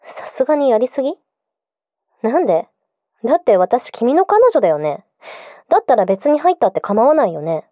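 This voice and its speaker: A woman's voice: a little high, big pitch swings, normal speed, long pauses, mellow, dry recording, studio quality. A woman playing a clingy, possessive yandere girlfriend in an intimate pillow-talk role-play, coaxing and insistent. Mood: suspicious, insistent.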